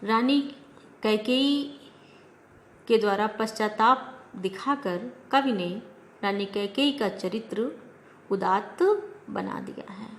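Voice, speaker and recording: A woman's voice: medium pitch, takes it slowly, pauses often, slight background noise. A woman teacher reciting verses of a poem and explaining them line by line in a lesson.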